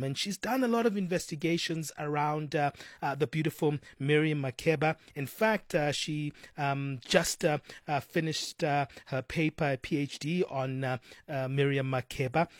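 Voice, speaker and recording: A male radio host introducing an interview, speaking with many pauses and fillers. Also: on the high side, no room sound. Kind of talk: radio presenting.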